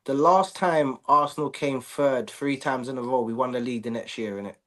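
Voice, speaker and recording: A man's voice: mid-range voice, a little fast, a bit bright. A man in a casual football chat, teasing and slangy. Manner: teasing, banter-heavy, slangy. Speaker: football podcast panelist.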